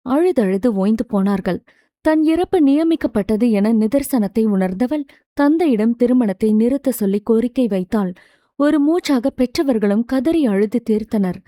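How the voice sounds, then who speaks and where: Mellow woman narrating a novel. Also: fairly high pitch, animated, moderate pace, no echo, clean studio sound. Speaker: audiobook narrator.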